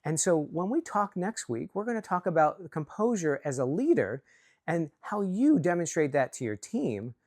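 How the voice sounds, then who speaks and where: Man from Chicago, earnest leadership coach; animated delivery, dry close sound. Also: on the high side, normal speed, dry recording. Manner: earnest, lively, self-reflective, with restarts. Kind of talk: talk to camera on workplace leadership.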